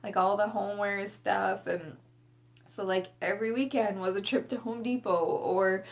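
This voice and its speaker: A young adult woman talking to camera in a personal vlog, halting and tearful, often restarting her words. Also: medium pitch, steady tone, gravelly. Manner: halting, repeats words and restarts, near tears. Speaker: vlogger.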